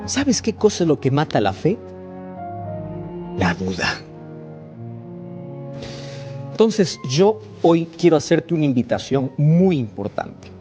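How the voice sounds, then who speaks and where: A man preaching a sermon as a pastor, pleading with rising intensity and then praying in a hushed voice. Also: big pitch swings, slow, pauses often, faint music behind. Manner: impassioned, rising high when pleading, hushed in prayer. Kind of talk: sermon with closing prayer.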